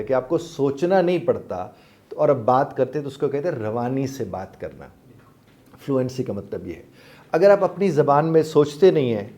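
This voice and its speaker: A man's voice: medium pitch, warm tone. A man, a life coach and trainer, patiently explaining with polite forms of address to his listeners.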